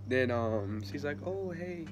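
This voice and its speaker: A teen vlogger, somewhat under the weather, spins a meandering story slowly and expressively in a slightly high voice, stumbling through fillers and restarts with soft laughs. The recording is very noisy.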